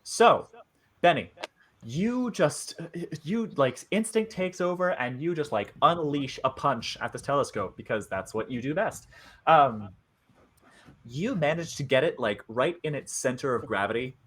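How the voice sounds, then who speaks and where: A man's voice: medium pitch, expressive, measured pace, a bit bright. A man running a tabletop horror game as game master, chatty, with lots of fillers and frequent laughter.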